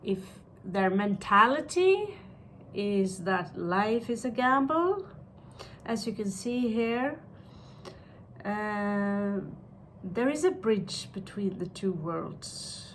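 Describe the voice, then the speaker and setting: A woman giving an unscripted tarot reading like a fortune teller, pronouncing on what the cards show in halting short phrases. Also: mid-range voice, lively intonation, a bit bright, a little hiss or hum, low-quality recording. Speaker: tarot card reader.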